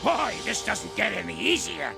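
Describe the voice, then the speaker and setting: A cranky old ape from a cartoon series, with a high, gravelly voice that crackles like an old man's. He swoops wildly up and down as he scolds and hurls insults. Music plays clearly behind him. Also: big pitch swings, normal speed, full character voice. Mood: grouchy scolding. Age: older. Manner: scolding and name-calling, swooping wildly in pitch. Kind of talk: cartoon voice acting.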